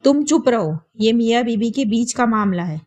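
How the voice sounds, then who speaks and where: A woman voicing a domineering older mother-in-law who scolds in a shrill, accusing way. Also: expressive, moderate pace, darkish tone. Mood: scolding.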